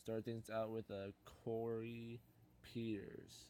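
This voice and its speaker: A man's voice: lowish voice, little pitch movement, takes it slowly, dark tone, a little hiss or hum. A young man hosting a gaming channel, opening card packs in casual commentary and muttering dejected complaints about his pulls.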